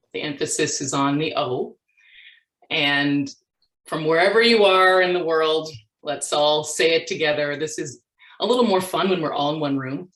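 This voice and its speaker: A woman in her forties, an astronomer leading a workshop, speaking in a calm, inviting way and guiding a slow, soft mindfulness practice. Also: sits low. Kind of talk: workshop talk with guided mindfulness. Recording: roomy echoey sound.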